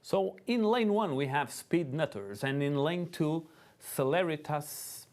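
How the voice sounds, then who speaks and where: At a school car racing event, a man whose first language is Portuguese announces lanes and lays out the rules live, hesitating now and then. He sounds a little high, a little slow and slightly mellow, with a clear Portuguese accent.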